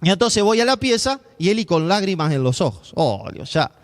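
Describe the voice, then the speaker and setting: A man's voice: sits high, sing-song, a little fast, in a large hall. A man with an Argentine accent preaching a sermon as a pastor. He tells a personal story and acts out the voices of the people in it. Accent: Argentine Spanish.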